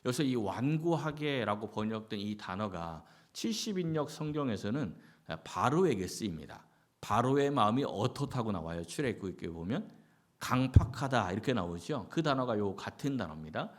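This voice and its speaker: A man's voice: lowish voice, moderate pace. A man preaching a Sunday sermon as pastor. He keeps asking the congregation questions and answers them himself, and he slips into short acted-out quotes. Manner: lively, rising and falling delivery with short acted-out quotes.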